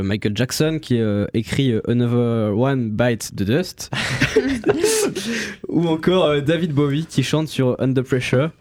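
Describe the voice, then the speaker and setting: A young man presenting a music history segment on the radio, halting and full of fillers. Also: medium pitch, a little mellow, no echo, studio quality. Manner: halting, many fillers and restarts. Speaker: radio columnist. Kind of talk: reading a history segment on air.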